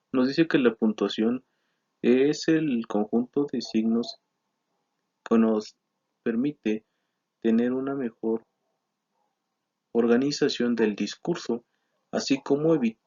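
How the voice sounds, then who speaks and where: A man walks through a grammar lesson, reading from slides. His voice sits at a middle pitch. He keeps a steady explanatory pace, filling pauses with "eh" and correcting himself. The recording sounds slightly dull and lo-fi. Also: breathy edge. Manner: steady explanatory delivery with frequent "eh" and self-corrections. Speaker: teacher presenting a grammar lesson.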